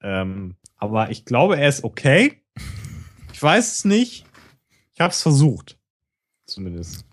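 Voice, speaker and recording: A man co-hosting a casual podcast chat, teasing and sarcastic with an animated delivery. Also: medium pitch, slow pace, long pauses, no room sound, studio quality. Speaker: podcast co-host.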